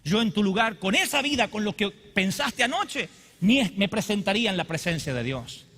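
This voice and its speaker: A man's voice: high-pitched, sing-song, moderate pace, a bit bright, full character voice. A man voicing the devil as a sly male figure who gives mock-friendly, persuasive advice. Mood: sly coaxing. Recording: long hall reverb.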